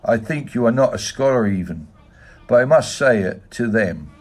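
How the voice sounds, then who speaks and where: A man's voice: medium pitch, lively intonation, normal speed, natural voice. A man voicing a grumpy, suspicious elderly paleontologist who speaks in clipped, broken English. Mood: blunt.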